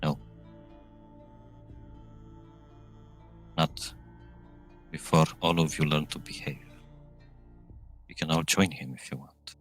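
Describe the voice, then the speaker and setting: A man voicing a stern, commanding goddess of the underworld in a solemn, deliberate tabletop game performance. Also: extremely low pitch, fairly even intonation, faint music behind. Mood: stern, demanding.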